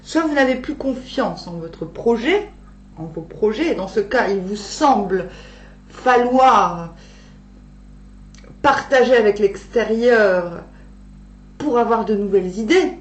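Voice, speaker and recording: A woman speaking with a dental retainer in, giving an informal tarot reading, thinking aloud haltingly and correcting herself. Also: a little high, lively intonation. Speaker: tarot reader. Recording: echoey room, dull sound, faint hum.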